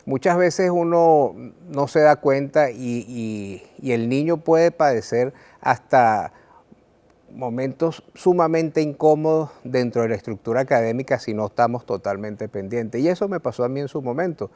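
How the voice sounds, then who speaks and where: A Venezuelan man, a writer, speaking earnestly and reflectively to the viewer about his life, with frequent "eh" pauses and repeated words. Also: mid-range voice, mellow. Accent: Venezuelan Spanish. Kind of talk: reflective personal talk to camera.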